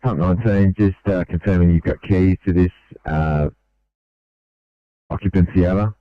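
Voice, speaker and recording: A man working as an emergency dispatcher over a two-way radio, reading back messages slowly and evenly in clipped radio procedure. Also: sits low, steady tone, dry recording. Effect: heard over a two-way radio. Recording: dull lo-fi radio transmission.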